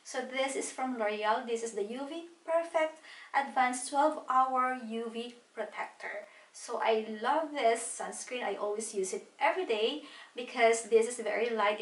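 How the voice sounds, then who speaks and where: A woman's voice: on the high side, moderate pace, reverberant, distant mic. A woman in her thirties chatting through a makeup tutorial, explaining each product step by step from her desk at home. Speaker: beauty vlogger. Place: small home room at a desk.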